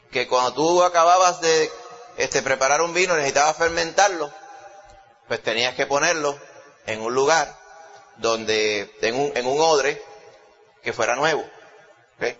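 A fairly high-voiced man preaches with folksy, lively energy. The sound is dull and lo-fi, with a long reverb trailing each phrase, as if he were in a large hall. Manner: lively, folksy, with homely examples and laughs. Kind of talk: sermon.

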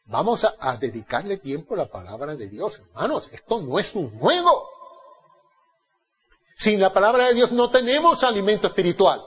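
Male preacher, bible study sermon, high voice, husky tone, muffled lo-fi recording. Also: big pitch swings, normal speed, long reverb tail. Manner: asks the congregation questions and answers them; swings from loud emphasis to soft, low asides.

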